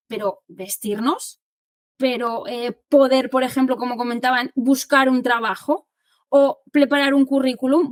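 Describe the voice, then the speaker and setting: A woman from Spain, an occupational therapist, explaining things to families in an animated, informal way and acting out what people say. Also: sits high, no room sound. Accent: Spanish from Spain. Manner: animated, explanatory, acts out quotes. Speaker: occupational therapist giving a talk.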